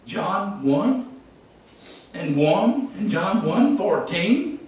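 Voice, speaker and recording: A man preaching a sermon, emphatic, rising to shouts and dropping low. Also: very animated, very slow. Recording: echoey hall from far off.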